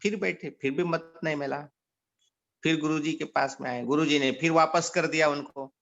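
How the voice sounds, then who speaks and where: A man's voice: fairly even intonation, creaky, fairly bright tone, highs cut off. A man from India giving an instructive talk to volunteers and telling short parables as he teaches. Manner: storytelling, varies pitch widely, slow deliberate delivery. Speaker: organisation leader giving guidance to volunteers.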